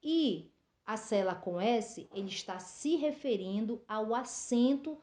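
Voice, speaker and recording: A woman's voice: on the high side, lively intonation, takes it slowly, dark tone. A female teacher explaining a lesson step by step and checking in with the class through many small fillers. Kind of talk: recorded school lesson. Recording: roomy echo.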